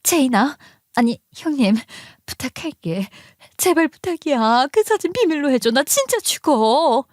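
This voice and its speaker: Brief: woman voicing a bratty, sneering sister-in-law from an audio story, pitched up and snippy, dry close mic. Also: very animated, measured pace, no room sound. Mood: pleading. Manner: mocking, then pleading.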